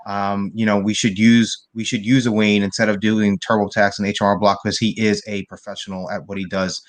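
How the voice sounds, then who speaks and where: A man speaking as a guest real estate agent in a casual chat, relaxed and hesitant with fillers. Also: fairly low pitch, fairly quick.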